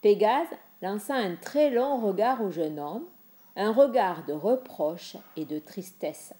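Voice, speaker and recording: A woman reads a myth aloud in a gentle, expressive way. She takes her time, very unhurried, with a mellow, soft tone. Her pitch rises and falls freely, carrying the tale along. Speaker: storyteller. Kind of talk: reading a myth for children.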